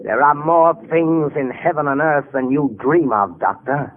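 An actor playing a deranged, grandiose scientist confined in a sanatorium, haughty and theatrical, in a vintage radio drama. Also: male voice, a little high, unhurried, close to an everyday voice. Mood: cryptic, ominous. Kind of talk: 1940s radio drama acting. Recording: tinny, hissy vintage radio recording.

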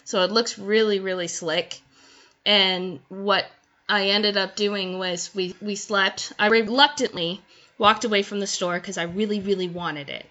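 A woman chatting casually, telling an animated story and quoting people as she goes. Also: medium pitch, unhurried. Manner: animated storytelling with quoted voices. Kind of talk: casual chat. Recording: dull lo-fi sound.

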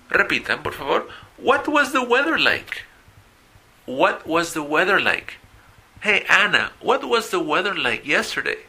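Gravelly, bright-voiced teacher. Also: male voice, mid-range voice. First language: Spanish. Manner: models English phrases slowly and loudly, often asks "¿ok?". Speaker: English teacher. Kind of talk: recorded vocabulary lesson.

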